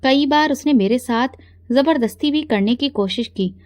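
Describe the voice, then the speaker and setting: A woman tells a first-person story with calm, earnest narration. Her voice sits a little high. The sound is dry and close, with no room echo. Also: moderate pace.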